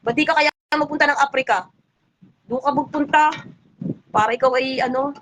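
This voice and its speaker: A woman's voice: high voice, a bit bright, slight background noise. A woman hosting a casual livestream chat, talking in an indignant, scolding way. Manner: indignant, scolding, talks fast. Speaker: livestream host.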